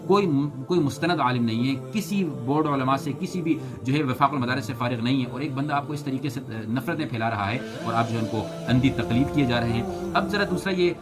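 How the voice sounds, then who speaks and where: A man's voice: mid-range voice, few pauses. A man presenting a critical video commentary, earnest and full of rhetorical questions to his viewers. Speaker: YouTube critic presenting evidence. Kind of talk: argumentative commentary over clips. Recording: clear music behind voice.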